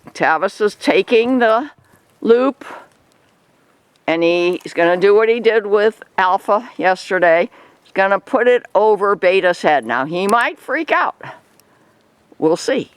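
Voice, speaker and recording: A woman hosting a casual vlog, training an alpaca outdoors and softly reassuring the animal as she explains each step. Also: medium pitch, expressive, slow pace, long pauses, clear, resonant tone, poor audio. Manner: soothing repeated reassurances to an animal. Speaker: alpaca trainer and show host. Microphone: camera mic, handheld at times.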